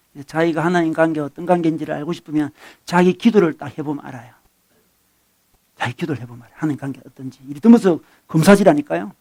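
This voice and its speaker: A middle-aged man preaching a sermon as a pastor, conversational and animated, swinging between loud bursts and soft asides. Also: on the high side. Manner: acts out dialogue with his son.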